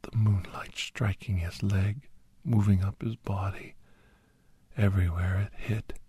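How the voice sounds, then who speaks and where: A man whispers as Doctor Andrew Michaels, a grave storyteller recounting his own werewolf encounter in an ASMR horror tale, deliberate and breathy with a husky edge, pausing and repeating phrases. His low, mellow voice stays fairly even in intonation, hushed and suspenseful, with slight background noise.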